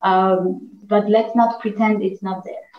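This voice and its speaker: An Iranian woman who works as a negotiation trainer and coach gives earnest interview answers, full of fillers and restarts. Her voice is medium-pitched, level, and unhurried, recorded with echoey, dull lo-fi room sound.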